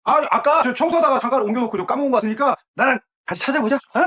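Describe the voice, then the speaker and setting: An actor voicing a weak-willed middle-aged uncle who fusses and soothes to avoid conflict in a dubbed TV drama. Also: male voice, very high voice, racing, a bit bright, slightly rough, full character voice. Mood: placating. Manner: fussing, soothing, evasive.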